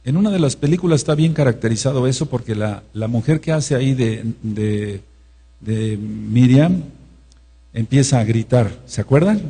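A man's voice: mid-range voice, expressive, normal speed, dark tone, slightly rough. A man with a Mexican accent teaching a sermon, repeating key words and asking his listeners questions. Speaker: preacher.

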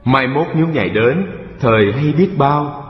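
A man's voice: mid-range voice, animated, normal speed, close to an everyday voice. A man storyteller voicing a busy, worldly rich Brahmin in his eighties, in a fireside storytelling manner. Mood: dismissive, polite. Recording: echoey hall reverb, dull sound, music behind.

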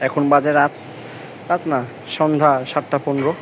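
A young man walking through a large covered cattle shed at night, filming on a handheld phone and excitedly narrating a tour. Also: on the high side, normal speed, noisy background. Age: young adult. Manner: excited, chatty, gushing over the animals. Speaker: vlogger touring a cattle farm. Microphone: handheld phone camera.

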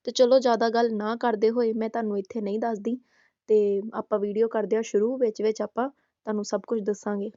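A woman's voice: on the high side, level tone, fast, dark tone, dry recording, lo-fi sound. A woman hosting a roast video, scolding and taunting with pointed rhetorical questions. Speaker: YouTube roast host.

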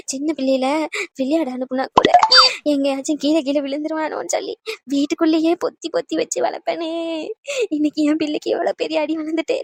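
A sobbing old grandmother, put on by a woman, wails out her grief in a cartoon dub. The voice is high and dry, close to the mic. She laments without pause. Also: a little mellow, no echo. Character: grieving old grandmother, wailing.

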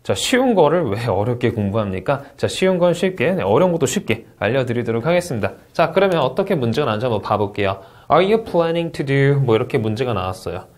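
Lively male exam-prep instructor. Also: medium pitch. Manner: lively teacherly delivery, frequent "자" and rhetorical questions; reads English model answers slowly and carefully. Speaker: TOEIC Speaking instructor. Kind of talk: exam review lecture.

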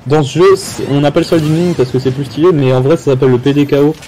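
Man esports caster, dark mellow voice. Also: fairly high pitch, fairly even intonation, racing, a little hiss or hum, poor audio. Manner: slangy, reactive, informal. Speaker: esports commentator. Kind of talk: esports caster, casual live play-by-play commentary. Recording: faint music behind voice.

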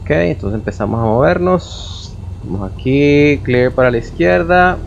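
A man's voice: medium pitch, measured pace, gravelly. Muffled man giving a casual flight-sim tutorial. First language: Spanish. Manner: makes pilot radio calls and explains them. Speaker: flight simulator tutorial host and pilot. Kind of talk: casual screen-recorded tutorial narration. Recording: muffled, noisy, steady vehicle-like drone.

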